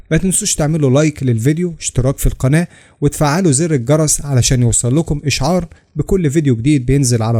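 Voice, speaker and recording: A man with an Egyptian Arabic accent reading scripted religious narration, steady and explanatory, citing scripture references. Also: medium pitch. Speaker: channel narrator.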